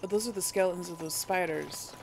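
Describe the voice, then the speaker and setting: Talking fast with vocal fry in a lowish register, this woman hosts a gaming video and offers casual let's play commentary, chatting with viewers and thinking out loud. Background noise and video game sounds and effects fill in behind her.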